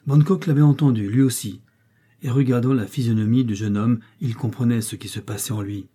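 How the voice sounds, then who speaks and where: A husky male narrator reads a classic adventure novel in a measured, dramatic style. His tone is dark and relaxed. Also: mid-range voice. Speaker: audiobook narrator.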